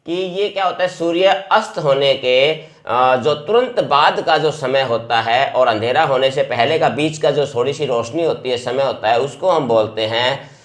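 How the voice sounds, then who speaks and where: Man, English teacher, vocabulary lesson, patient, repeats words, mid-pitched voice. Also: a little slow. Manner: explains patiently, repeats each word several times.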